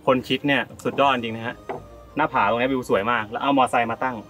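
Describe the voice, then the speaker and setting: A man talking into a handheld camera outdoors on a steep trail, breathing hard from the climb. His pitch sits in a middle range, and his manner is playful and jokey, with loud shouted bursts now and then. Faint music plays under his voice. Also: fairly even intonation, quick pace. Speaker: travel vlogger. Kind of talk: casual vlog narration while hiking.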